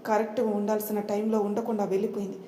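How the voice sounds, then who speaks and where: An anxious, scolding mother-in-law from a spoken storybook, read by a woman. Her voice is mellow and low-key, and she snaps at her family. The reading sits in an echoey room with a faint hiss behind it. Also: flat delivery, quick pace, lightly acted. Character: angry scheming middle-aged mother-in-law.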